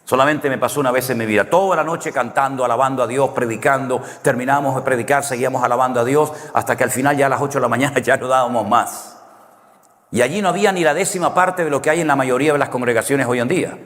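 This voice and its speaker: Canarian pastor preaching in a reverberant hall. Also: male voice, mid-range voice, fast talker, a bit bright. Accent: Canary Islands Spanish. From Canary Islands, Spain. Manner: conversational storytelling with wry humor. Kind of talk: sermon.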